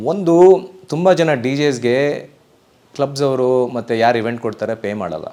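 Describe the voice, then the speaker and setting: A man's voice: mid-range voice, normal speed, warm tone. A man from Karnataka, a professional DJ, talking earnestly and emphatically in a casual interview, often urging listeners. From Karnataka, India. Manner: earnest, emphatic, repeats pleas.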